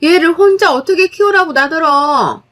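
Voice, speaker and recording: A woman's voice: very high-pitched, expressive, a bit bright, voice pushed up. Woman voicing a hysterical young sister-in-law. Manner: shrieking, drawn-out, hysterical.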